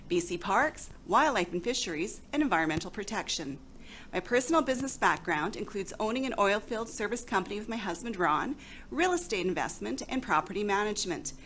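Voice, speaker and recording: A woman's voice: mid-range voice, a bit bright, a little hiss or hum. A woman seeking re-election to city council, formally reading her credentials as a campaign statement. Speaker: council candidate.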